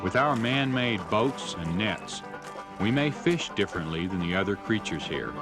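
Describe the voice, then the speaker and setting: A man narrating a scripted nature documentary in a measured, storytelling way. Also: on the low side, sing-song, loud music behind the voice.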